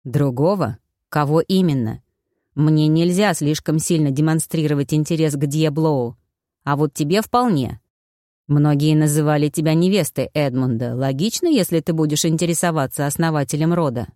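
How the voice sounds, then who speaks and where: A woman's voice: deep voice, moderate pace, warm tone, dry recording, clean studio sound, pitched below the performer's own voice, natural voice. A woman voicing a scheming male nobleman impostor who speaks in curt, scolding tones.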